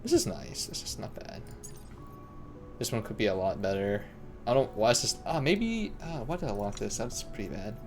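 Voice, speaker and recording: Game music plays as a young man streams, casually commentating and rambling to himself in slang. He speaks at normal speed in a lowish, sing-song, slightly mellow voice.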